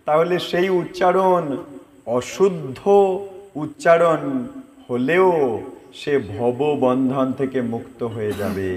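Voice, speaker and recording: A man giving a devotional discourse as a preacher, speaking in a conversational way and asking and answering his own questions. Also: high voice.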